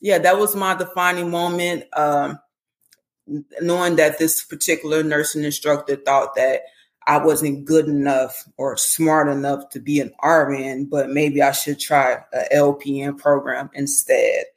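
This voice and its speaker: A woman's voice: low voice, flat delivery, unhurried. A woman in her thirties, a nurse educator guesting on a podcast, speaking candidly and earnestly, often saying "you know". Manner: emotional when recalling support. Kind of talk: casual interview chat.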